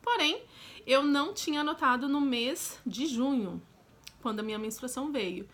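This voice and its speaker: A young woman vlogger with a Brazilian Portuguese accent tells a personal story in a casual, direct style, often turning aside to address the viewer. Her voice sits high and fairly bright, with lively intonation at a normal speed.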